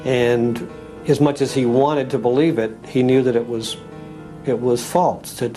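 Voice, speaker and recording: A man's voice: mid-range voice, warm tone, low-quality recording. Thoughtful male expert commentator. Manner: thoughtful, with small repetitions. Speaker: documentary interviewee, expert commentator. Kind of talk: reflective interview commentary.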